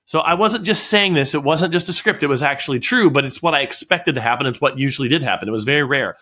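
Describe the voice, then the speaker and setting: A man on a podcast telling relaxed stories about teaching in his music studio, often wandering off topic and laughing. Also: mid-range voice, quick pace. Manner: storytelling, digresses and laughs. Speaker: guest, music studio owner. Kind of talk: casual podcast conversation.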